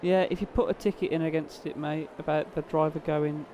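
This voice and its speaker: A tired man giving relaxed live commentary on an online sim race, chatting casually with viewers and drivers. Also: on the high side, brisk, slight background noise. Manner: laid-back, chatty, addresses viewers and drivers directly.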